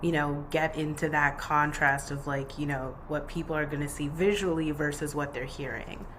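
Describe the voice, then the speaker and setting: A woman's voice: low-pitched, steady tone, normal speed, fairly bright tone, a little hiss or hum. A woman hosting an interview, asking enthusiastic questions, chatty with many fillers. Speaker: interviewer host.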